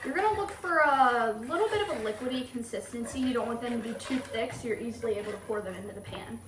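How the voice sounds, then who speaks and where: A woman's voice: fairly high pitch, quick pace, far from the mic. A woman presenting a cooking show, talking through a recipe step by step in a kitchen. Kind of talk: cooking demonstration. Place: indoor kitchen. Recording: echoey kitchen, off-mic, faint noise.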